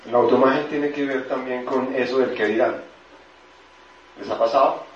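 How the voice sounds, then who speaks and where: A man gives an animated motivational talk, speaking straight to the audience. His voice sits at a middle pitch. The recording is distant and dull, in a hall with heavy echo. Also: normal speed, slight background noise. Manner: storytelling, animated, addresses audience.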